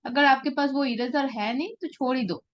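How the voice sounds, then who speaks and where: A woman's voice: sits high, brisk, muffled recording. A woman teaching a live portrait-drawing class, explaining patiently and often checking that her students follow. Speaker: art teacher.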